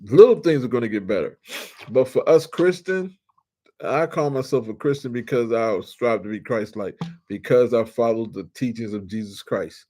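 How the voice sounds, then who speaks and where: Excitable older man from D.C. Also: fairly high pitch. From Washington, D.C. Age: 60s. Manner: animated, shouts with excitement, drawls and stretches words. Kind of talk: casual storytelling monologue.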